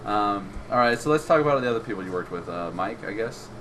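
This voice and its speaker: A man's voice: fairly low pitch, lively intonation, fast, fairly bright tone, slight background noise. A man hosting a casual podcast chat, laid-back and swearing freely. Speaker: podcast host.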